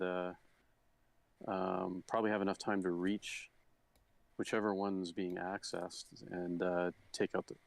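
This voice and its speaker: A man's voice: sits low, vocal fry. A man playing a tabletop game, laying out plans casually with many fillers. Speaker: player.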